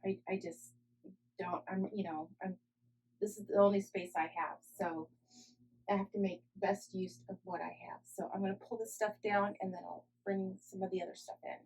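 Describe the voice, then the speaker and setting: A woman giving a casual craft-room tour as a vlogger, rambling and thinking out loud indoors at home. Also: medium pitch, steady tone, normal speed, husky, poor audio.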